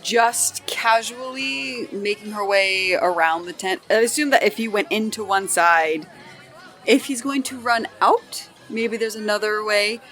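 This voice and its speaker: A woman talks casually as a player in a tabletop game. Her voice sits at a middle pitch, with soft music in the background. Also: measured pace.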